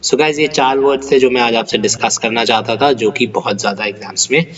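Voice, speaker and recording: A male pronunciation teacher giving a lesson, explaining slowly and checking in with his students. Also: medium pitch, a bit bright, lo-fi sound. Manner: explanatory, repeats words slowly and asks "right?". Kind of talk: classroom-style lesson in Hindi and English.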